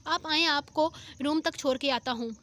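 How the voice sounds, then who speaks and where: A woman's voice: sits high, normal speed, bright, forceful tone. A woman voicing a caring young man who speaks soothingly and reassuringly.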